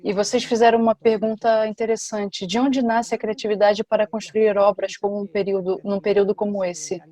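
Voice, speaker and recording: A woman giving a simultaneous interpretation at a panel, with a steady, measured delivery. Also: mid-range voice, no echo.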